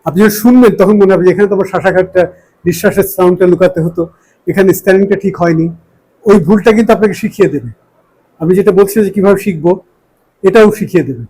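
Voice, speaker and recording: A middle-aged man from Bangladesh leads a class on news presentation, explaining pronunciation with patient care. His voice sits notably high. He drags out each vowel when he demonstrates a breathing and articulation drill. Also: fast talker, mellow, poor audio.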